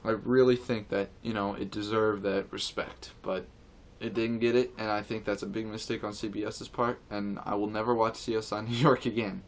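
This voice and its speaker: A man's voice: on the low side, flat delivery, normal speed, few pauses. A man ranting to camera in a casual video, rambling and repeating himself, with many restarts, indignant and earnest. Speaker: vlogger. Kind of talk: casual opinion rant to camera.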